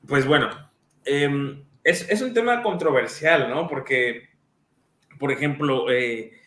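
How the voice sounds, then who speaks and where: A man's voice: medium pitch, slow pace, fairly bright tone. Man, live-stream host, mid-range voice, casual and filler-heavy, roomy echo. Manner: conversational, reads out comments, lots of fillers. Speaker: live-stream host answering viewer questions.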